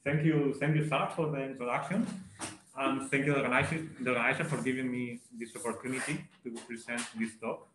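A man's voice: medium pitch, fast talker. Man, Spanish accent, guest speaker, short polite thanks, echoey room, faint noise. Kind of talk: seminar talk opening.

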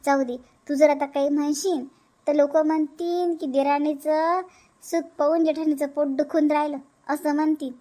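A woman voicing a calm elder sister-in-law in a cartoon, soothing and advising in a Vidarbha Marathi accent. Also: high voice, normal speed, natural voice.

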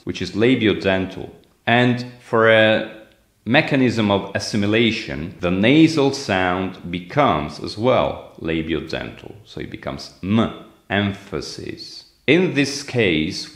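A man's voice: deep voice, reverberant. A man from Italy giving a phonetics lesson, explaining step by step and demonstrating sounds by repeating words. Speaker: language teacher.

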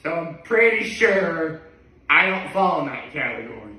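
A man's voice: fairly high pitch, very animated, measured pace, bright, forceful tone. A man in his thirties talking casually to camera in a hesitant, digressive way, often backtracking. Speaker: daily video blogger. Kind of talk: casual rambling vlog to camera. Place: living room, indoors. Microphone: camera a few feet away. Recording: echoey room, distant microphone.

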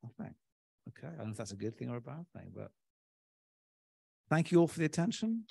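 A man's voice: mid-range voice, big pitch swings, fast talker, vocal fry, warm tone, husky, dry recording, studio quality. A man giving an informal presentation as a conference speaker.

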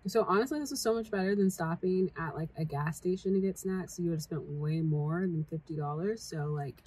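A woman's voice: lowish voice, a little fast, darkish tone, husky, poor audio. A young woman vlogger chatting casually while taste-testing snacks, talking with her mouth full at times. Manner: chatty, talks while eating. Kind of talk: casual food taste-test chat. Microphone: camera mic.

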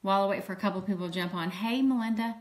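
A woman in her fifties talks very fast at a medium pitch, with a mild Southern accent. She's from Louisiana and sells makeup, and she's hosting a casual livestream at a table at home, greeting viewers and laughing easily, recorded close up by her phone camera.

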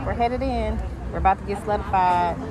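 A woman's voice: mid-range voice, fairly quick, background noise. A woman talks through a face mask in a casual, joking vlog chat while waiting in line outdoors on a city street, filming on a handheld phone. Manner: chatty, joking, loose and conversational. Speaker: vlogger. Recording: loud crowd and music outdoors.

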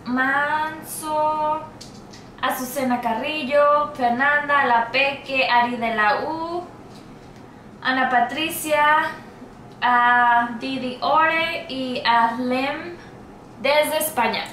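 A woman beauty vlogger giving casual shout-outs to her viewers, reading out a long list of names and tripping over some of them. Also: high voice, steady tone, very slow, roomy sound, slight background noise.

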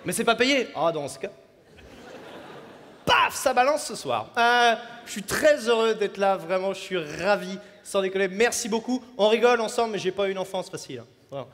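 A young man from France performing a stand-up comedy set on a festival stage, acting out characters with quick changes of voice. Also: high-pitched, expressive, fairly bright tone. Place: comedy festival stage before a live audience. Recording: reverberant hall with faint audience ambience.

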